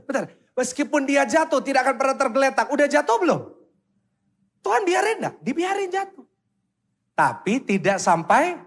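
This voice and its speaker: High-voiced, animated pastor preaching. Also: male voice. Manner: animated, asks the congregation questions, acts out voices. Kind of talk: sermon.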